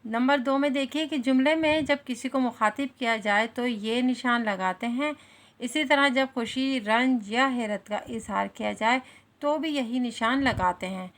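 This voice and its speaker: A woman's voice: on the high side, a little slow, fairly bright tone. A woman with a Pakistani Urdu accent teaching a school lesson, explaining patiently with frequent hesitations.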